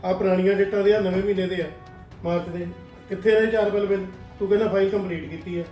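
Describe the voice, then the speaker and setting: A man acts out a grown son boiling over at a brother who cheated him. His Punjabi-accented voice sits very high and races along in agitated bursts. Soft music plays behind this family drama. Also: steady tone, quick pace, dull audio, close to an everyday voice. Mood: furious. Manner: heated, agitated complaining. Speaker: actor in a family web drama.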